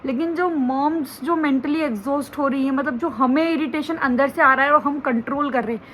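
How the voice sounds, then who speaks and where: A young woman with a high voice talks straight to her phone camera at home, venting frankly about motherhood. She rambles with lots of fillers in a casual confessional way, with faint background ambience. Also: brisk, fairly bright tone, a little hiss or hum, rough recording. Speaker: mom vlogger. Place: indoors at home beside a sleeping child.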